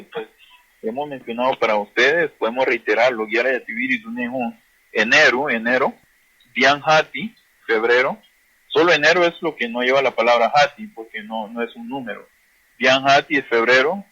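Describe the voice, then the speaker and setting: A man teaching a language class, slowly repeating and drilling words for his listeners. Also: mid-range voice, pushed and bright, husky, muffled recording. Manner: slow, repetitive drilling of words.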